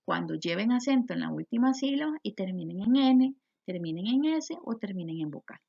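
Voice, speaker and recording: A woman's voice: medium pitch, lively intonation, a little fast, creaky. A Costa Rican woman teaching a recorded grammar lesson, explaining step by step and asking and answering her own questions. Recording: dull lo-fi recording.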